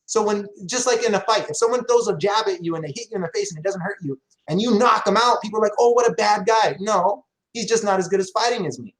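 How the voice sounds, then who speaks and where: Brief: man in his forties, high-pitched, combative debater, boastful, keeps calling people brother. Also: fast talker, few pauses, low-quality recording. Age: 40s. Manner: combative, boastful, repeatedly calls others brother. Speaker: debate guest. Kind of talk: heated online debate.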